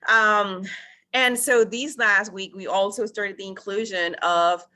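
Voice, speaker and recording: Upbeat woman, bright voice. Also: medium pitch, steady tone, unhurried. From Costa Rica. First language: Spanish. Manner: upbeat, addresses listeners as guys, many fillers. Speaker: project promoter. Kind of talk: enthusiastic presentation.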